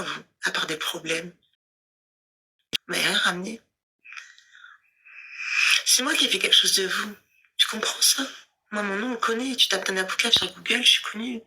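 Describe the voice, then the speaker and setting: Boastful, taunting woman with a bright voice. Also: vocal fry. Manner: boastful and taunting, repeats "tu comprends?"; scornful asides, drops to low mutters and whispers. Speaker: livestreamer. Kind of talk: livestream rant at rivals.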